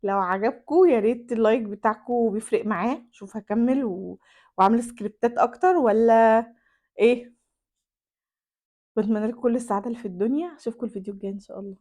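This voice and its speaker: Woman, Egyptian accent, earnest soft-spoken advice, quick pace, slightly high pitch. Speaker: relationship advice creator. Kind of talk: casual advice to camera.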